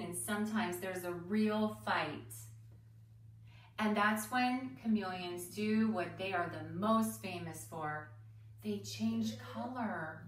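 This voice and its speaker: A woman reads a children's book aloud in a teacherly way, expressive and deliberate, stopping for asides and questions aimed at young listeners. Her voice is mid-range. The mic is distant and the room is roomy, with faint noise.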